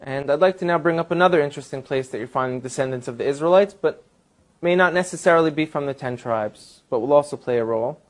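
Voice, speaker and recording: A man's voice: a little high, fast. Earnest man explaining at length. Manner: earnest, builds his points step by step. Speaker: guest. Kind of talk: explanatory talk.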